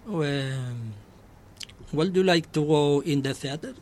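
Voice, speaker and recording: Slow, hesitant man with a Spanish accent. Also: a little high, a little mellow. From Basque Country, northern Spain. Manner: hesitant, broken beginner's English. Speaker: English course student. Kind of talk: practice dialogue in a language class. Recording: clear background noise, ambience.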